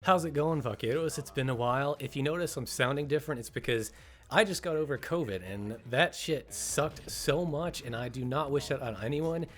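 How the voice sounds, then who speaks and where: A young man with a stuffy, congested voice talks through his game footage in a relaxed, chatty way. He sounds enthusiastic and amused as he gives his commentary. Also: mid-range voice, normal speed. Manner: enthusiastic, chatty, laughs at how fun the weapon is. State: congested after illness. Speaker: gaming video host.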